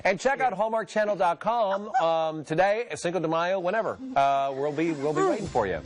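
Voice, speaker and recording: Lively, playful male TV co-host. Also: high voice, moderate pace. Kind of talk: daytime TV chat.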